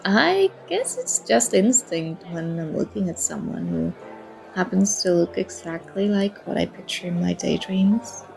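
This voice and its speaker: Against the music and murmuring crowd of a party bar, a woman acts out a one-sided ASMR roleplay as a flirty stranger, coy, teasing, playful and mock-apologetic. Her medium-pitched voice is gravelly, animated and unhurried, and the recording is rough.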